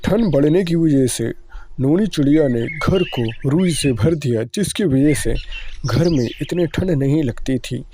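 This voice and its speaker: A man narrating a cartoon story for children in a plain, steady storytelling voice. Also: fairly high pitch, a little slow, a little hiss or hum. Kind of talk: scripted narration.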